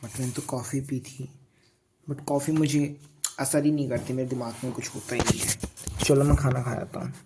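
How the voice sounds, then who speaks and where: A sleepy young Indian man talking low and unhurried in a late-night study vlog. His voice is gravelly, and his pitch sits in an ordinary middle range. He rambles as if worn out after a long evening. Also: little pitch movement, slight background noise. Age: late teens. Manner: speaks softly and slowly so as not to wake others; drifts between two languages, rambling and tired. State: sleepy and tired. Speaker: student vlogger.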